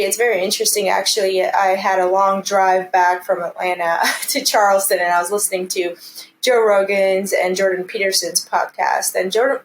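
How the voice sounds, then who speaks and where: A woman in her thirties from Armenia, who leads a commercial real estate team, answers interview questions in an earnest, encouraging, conversational way. She has a mid-range voice, and the low-quality recording carries slight background noise.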